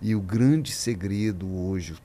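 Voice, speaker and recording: A man's voice: lowish voice, slow, warm tone. A man, a pastor, talking in a podcast interview, preaching-style and emphatic, acting out the voices in his stories.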